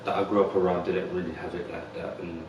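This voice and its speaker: London man, low voice, relaxed slang-heavy guest, distant echoey recording. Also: quick pace, lo-fi sound, slight background noise. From West London. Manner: laid-back street slang, many fillers. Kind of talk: casual interview.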